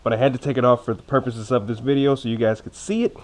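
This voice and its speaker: A fast talker with a medium pitch and fairly even intonation, this man wears braces that slightly impede his speech. He runs a casual unboxing review of motorcycle gear as a vlogger, keeping it chatty, jokey and informal with self-teasing asides. Clear background noise with clicks runs behind him.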